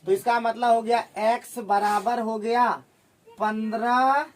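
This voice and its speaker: A man teaching a maths class, firing questions at his students and working sums out loud. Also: extremely high pitch, level tone. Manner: drills students with rapid questions while calculating aloud. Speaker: maths tutor.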